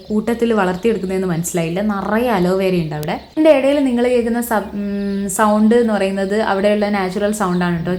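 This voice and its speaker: A woman talks over her travel footage in a loose, chatty voice-over. She often pauses mid-sentence to hunt for the right word. Her voice sits at an ordinary middle pitch. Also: warm tone. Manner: chatty, often searching for words. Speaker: travel vlogger. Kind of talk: casual voice-over narration.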